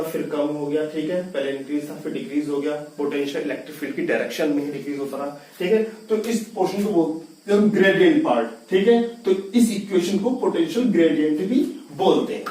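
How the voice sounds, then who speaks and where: A man on the high side, with a darkish tone and a little hiss or hum on the recording, gives a physics lecture the way a teacher would in class. Asking and answering his own questions, he repeats key terms and drops English into his speech. His voice comes from far off in an echoey room.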